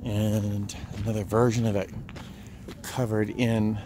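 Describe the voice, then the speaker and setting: Fairly low in pitch, his delivery is flat and a bit slow. This American vlogger from Rhode Island explores a tourist site, in the open and in small huts, musing wryly to the viewer in a relaxed chat, filmed handheld with outdoor ambient noise.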